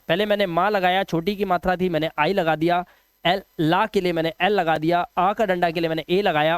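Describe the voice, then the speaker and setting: A man's voice: sits high, clean tone, dry recording, studio quality. A man teaching a video lesson, patient and repetitive, often asking the viewers questions. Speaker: English teacher. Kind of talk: classroom-style video lesson.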